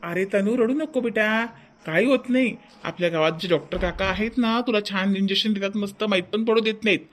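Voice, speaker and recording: Man voicing a cartoon uncle doctor, fairly high voice, soothing, coaxing, calm instructions. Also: a little fast, a little hiss or hum. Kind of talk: cartoon voice acting.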